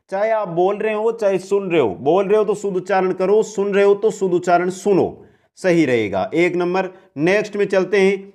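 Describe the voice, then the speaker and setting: A male teacher with a fairly high voice runs through quiz questions at a steady clip. He restates each question, explains it briefly, and names the right option. He speaks directly to his students as friends. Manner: brisk quiz-answering, repeats the question then gives the answer; often addresses listeners as friends. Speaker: exam-prep teacher. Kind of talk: online exam-prep lesson.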